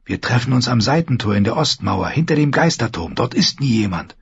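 A man's voice: medium pitch, very animated, fairly quick, vocal fry, husky, no room sound, pitched above the performer's own voice, exaggerated voice. A man voicing a fierce, determined young girl in a storybook reading. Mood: urgent, determined. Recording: dull lo-fi recording.

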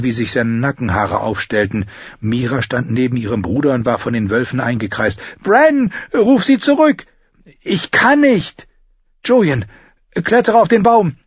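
Brief: male audiobook narrator, steady storytelling, deep voice, slightly dull recording. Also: husky, dry recording. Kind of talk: scripted fantasy narration.

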